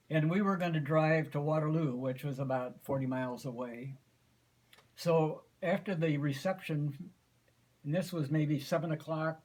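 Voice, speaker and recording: An American man in his eighties telling a folksy, unhurried story informally to family, often clearing his throat. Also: on the high side, a little mellow, low-quality recording. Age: 80s. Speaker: grandfather giving an anniversary speech.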